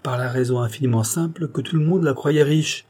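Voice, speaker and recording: Man doing a sententious village man, pompous, lecturing, husky, mellow. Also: medium pitch, a little fast, pitched above the performer's own voice, natural voice.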